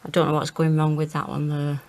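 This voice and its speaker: A British woman in her forties chatting casually and hesitantly as she gives a rambling home gardening tour, with a monotone, self-deprecating manner. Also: low voice, fairly quick, a little hiss or hum. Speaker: gardening vlogger. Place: small home kitchen and windowsill, indoors.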